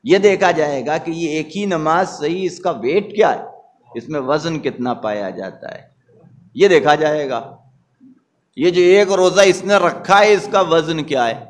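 A male cleric with an Indian Urdu-Hindustani accent, preaching a sermon to a gathering, repeating his phrases and asking the crowd to confirm, and building to forceful emphasis. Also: on the high side, lively intonation, measured pace. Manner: rhetorical, repeats phrases, asks the crowd "isn't it?"; rises to forceful emphasis on key points. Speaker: Shia cleric giving a majlis sermon.

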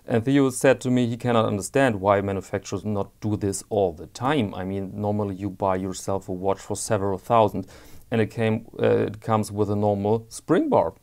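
Male watch reviewer, low-pitched with a fry in the voice, halting and candid in his delivery. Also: fairly even intonation, a little mellow. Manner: hesitant, repeats words while searching for them; candid personal opinions. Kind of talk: casual product review.

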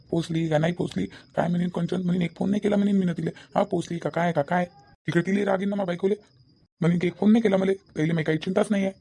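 A fretful grown son in a cartoon, talking. The voice is dark and gravelly with a husky edge, and it moves along quickly. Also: mid-range voice. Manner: fretting, placating. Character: anxious grown son stuck in a forest. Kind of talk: cartoon voice acting.

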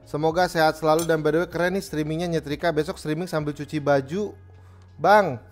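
A man's voice: fairly high pitch, steady tone, a little fast, faint music behind. A man, a livestream host who reads viewer messages and gives joking, slangy advice. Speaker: streamer reading viewer messages. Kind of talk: casual livestream chat.

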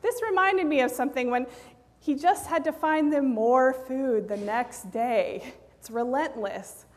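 High-voiced woman pastor preaching. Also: measured pace. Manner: lively storytelling, acts out quoted voices. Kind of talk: sermon. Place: large church sanctuary, indoors. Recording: long church reverb.

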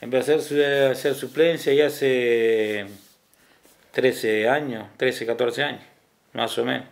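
A middle-aged man with an Argentine Spanish accent speaks in an easy, conversational way at a medium pitch. He stops and starts, repeats words and often checks in with his listener. He sounds like a hospital ambulance driver telling his story. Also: steady tone, measured pace, creaky. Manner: hesitant, repeats words, adds tag questions. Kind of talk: casual interview talk.

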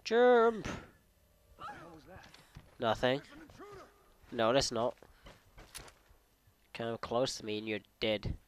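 A man's voice: medium pitch, little pitch movement, takes it slowly, pauses often, a little hiss or hum. A man giving crude, joking let's play commentary, swearing at enemies. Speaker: gamer.

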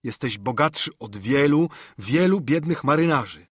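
A man voicing an honest, stubborn sailor with a raspy, trembling voice who speaks earnestly and indignantly. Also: medium pitch, lively intonation, normal speed, dry recording, clean studio sound. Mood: pleading.

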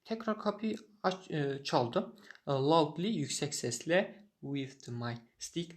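A man teaching English who reads a short story and translates it line by line, pausing often with filler sounds. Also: on the high side, animated. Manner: halting, many filler sounds.

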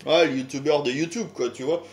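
A man's voice: on the high side, steady tone, a little fast. A middle-aged man with a French accent, rambling in a casual video monologue, full of sighs, fillers and rhetorical questions. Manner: hesitant, lots of filler sounds and sighs. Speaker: YouTuber.

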